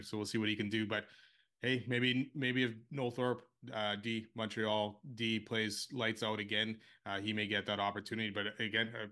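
Bright-voiced, easygoing man. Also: fairly low pitch, clear, resonant tone. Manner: easygoing, hesitant with many uh fillers. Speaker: podcast co-host. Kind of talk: casual sports chat.

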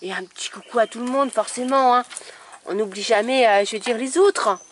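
Fairly quick and on the high side, a woman's voice narrates a relaxed vlog as she stands by a kennel outdoors. A dog breeder, she chats to the camera and coos affectionately at her puppies, with slight background noise in the clip.

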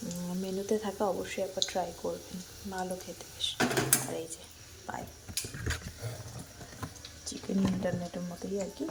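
A woman chatting casually in a home vlog, talking softly with lots of fillers. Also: lowish voice, flat delivery, normal speed, long pauses. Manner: chatty, rambling with many fillers; talks softly so her sleeping son isn't woken. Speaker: vlogger. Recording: clear background noise.

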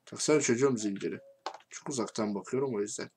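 A man with a Turkish accent giving casual game commentary, talking to himself and swinging from quiet muttering to angry shouting. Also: mid-range voice, fast, slight background noise. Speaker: gaming YouTuber.

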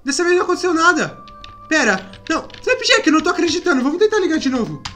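A young man with a Brazilian accent commenting on a game for viewers, acting scared and excited. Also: extremely high pitch, fast. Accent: Brazilian Portuguese. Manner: dramatic, feigns fear, talks to viewers and companion. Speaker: gaming youtuber. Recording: background music under voice.

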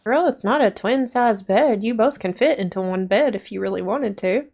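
A woman's voice: medium pitch, normal speed, creaky, darkish tone, a little hiss or hum. A young adult woman giving casual, blunt and sardonic film reaction commentary as a video host. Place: small dark decorated room indoors.

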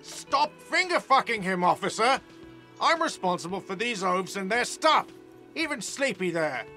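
A man's voice: mid-range voice, animated, a little slow, a bit bright, soft background music. An actor voicing an irritable, whiny male cafeteria manager in a video game, sounding exasperated.

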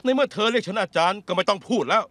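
An indignant, bossy lawyer. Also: male voice, high voice, racing, fairly bright tone, no echo. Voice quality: complaining, scornful. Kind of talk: Thai drama dub.

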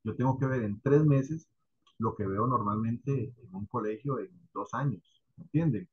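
A man with a Costa Rican accent teaches an online class, explaining things patiently and speaking directly to his students, checking in often with "¿verdad?" and "¿ok?". His medium-pitched voice is slightly rough and a little slow, and the audio sounds dull.

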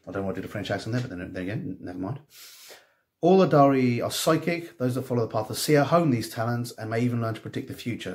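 A man giving a casual magazine review, rambling with many ums and restarts and reading passages aloud. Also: mid-range voice. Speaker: tabletop hobby reviewer.

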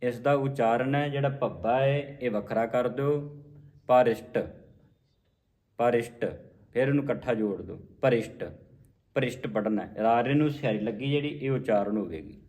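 A man from Punjab teaching how to pronounce scripture, repeating words slowly syllable by syllable. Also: medium pitch, darkish tone. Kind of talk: scripture recitation lesson.

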